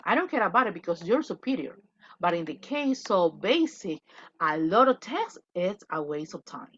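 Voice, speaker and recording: A Salvadoran woman teaching an online class, talking bluntly with animated asides. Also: fairly low pitch, a little slow, slightly rough, muffled recording. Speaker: English teacher.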